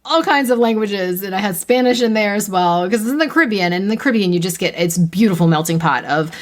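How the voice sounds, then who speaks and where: An American woman co-hosting a writing podcast in casual chat, bubbly and talkative, now and then breaking into high excited squeals. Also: fast talker. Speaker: podcast co-host, fiction writer.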